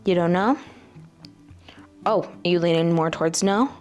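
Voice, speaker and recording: A woman's voice: lowish voice, normal speed, a little mellow, faint music behind. A woman book vlogger in casual chat, talking directly to her viewers and to her crystal pendulum as she asks it questions.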